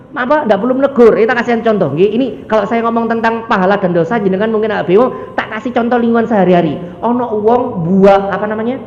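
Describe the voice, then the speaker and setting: A man with an East Javanese accent preaching a lively, jokey mosque sermon and mimicking the people in his examples. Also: extremely high pitch. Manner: lively, jokey, acts out quoted voices. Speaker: ustadz preacher. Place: mosque hall. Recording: echoey dull hall sound, faint background noise.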